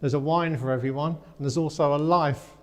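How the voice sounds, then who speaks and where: An English man as an interview guest, chatting casually over wine in a relaxed, reflective way with light self-deprecating humor. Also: a little high, brisk, in a large hall. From England.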